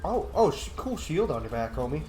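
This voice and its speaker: A gaming channel host runs a casual video game roleplay commentary while slightly under the weather and a bit sniffly. His fairly high, warm voice swings widely in pitch and moves a little fast. The recording has a roomy echo, slight background noise and faint game music behind him.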